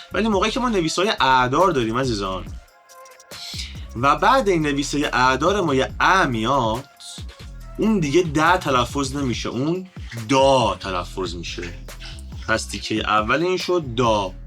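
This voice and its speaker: A man teaching an online lesson on an ancient script, explaining in a lively way, addressing viewers as friends and drawing out each letter sound. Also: mid-range voice.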